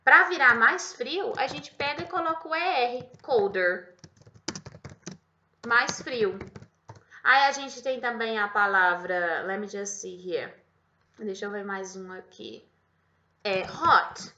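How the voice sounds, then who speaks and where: Bright-voiced woman teaching English. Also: a little high, slight background noise. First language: Portuguese. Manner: explains slowly, repeats words, checks in with "tá?". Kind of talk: casual online English lesson. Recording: dull lo-fi sound.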